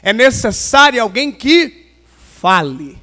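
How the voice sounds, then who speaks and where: A man preaching a pentecostal sermon, playful and storytelling, swinging from loud emphasis to quiet asides in a large church hall. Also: extremely high pitch, very animated, slow pace. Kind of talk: pentecostal sermon with humorous stories. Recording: long hall reverb.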